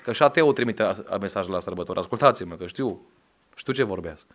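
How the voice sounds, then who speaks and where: A man preaching a sermon in a Romanian accent, talking plainly to the congregation and then climbing into loud, high, emphatic exhortation. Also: animated.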